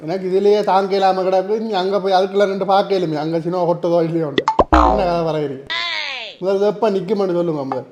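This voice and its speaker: Whiny high Jaffna Tamil man. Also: fairly even intonation, quick pace, lo-fi sound, a little hiss or hum. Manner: whiny, complaining loudly. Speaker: comedian in a sketch. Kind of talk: comic sketch dialogue.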